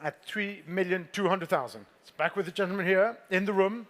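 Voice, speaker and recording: Male fine art auctioneer, high register, formal and composed, repeating bids and courteously nudging bidders during a live sale. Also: a little fast, fairly bright tone. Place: auction saleroom with bidders present.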